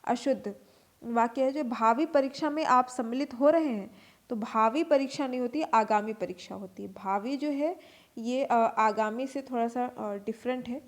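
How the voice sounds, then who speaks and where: Woman teacher, slightly high voice, patient step-by-step lecturing style. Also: moderate pace. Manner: explains step by step, repeats terms, frequent "ठीक है" and fillers. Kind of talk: classroom lecture.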